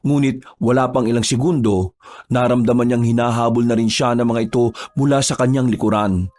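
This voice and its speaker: A man giving steady, dramatic scripted narration of a horror story. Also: medium pitch, a little fast.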